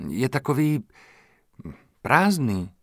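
A man voicing a shaken young woman who speaks quietly and thoughtfully, as a character in an audiobook reading. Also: mid-range voice, big pitch swings, no room sound, clean studio sound, pitched above the performer's own voice. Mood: quiet, subdued.

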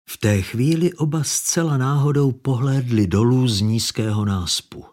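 A man reading a story aloud as narrator, steady and measured. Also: lowish voice. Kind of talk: audiobook narration.

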